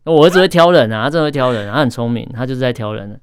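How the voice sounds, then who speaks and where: A man in his thirties speaks Mandarin with a Taiwanese accent. He talks very fast in a smooth, clear voice and chats casually as a guest. He often repeats and restarts words while telling his stories. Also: medium pitch, dry recording. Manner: chatty, stammers and repeats words when excited. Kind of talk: casual storytelling chat.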